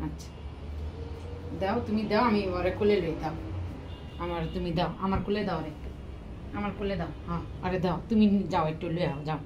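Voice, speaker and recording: A woman playing a scheming young husband who softly and insistently begs his wife for money in a skit. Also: mid-range voice, a little hiss or hum, close to an everyday voice. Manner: soft-spoken, wheedling, insistent. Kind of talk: skit acting.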